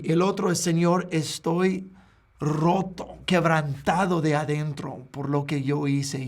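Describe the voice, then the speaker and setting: Male pastor, sermon delivery; slow, earnest, stop-start phrasing, raised pitch with a gravelly edge. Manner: earnest, halting with frequent restarts.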